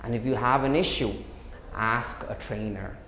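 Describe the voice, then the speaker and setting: A man's voice: medium pitch, moderate pace, a bit bright, a little hiss or hum. A man, an exam trainer giving encouraging, practical speaking tips straight to the viewer. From India. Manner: encouraging, addresses the viewer directly with practical advice. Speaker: IELTS trainer. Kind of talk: instructional talk to camera. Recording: echoey room.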